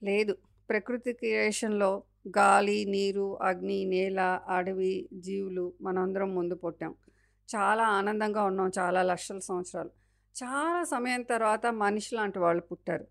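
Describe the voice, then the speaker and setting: A woman's voice: medium pitch, fairly even intonation, normal speed, gravelly, close to an everyday voice. A woman voicing the forest as a caring, motherly spirit in a storybook tale, explaining things patiently. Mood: telling. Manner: explaining patiently, sometimes angry.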